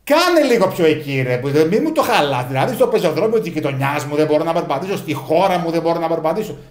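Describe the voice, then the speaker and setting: A man's voice: fairly high pitch, expressive, reverberant. A man doing a satirical stand-up monologue in a sarcastic, ironic way, acting out the people he quotes. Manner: sarcastic, ironic, acts out neighbors and friends in quoted voices. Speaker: comedian.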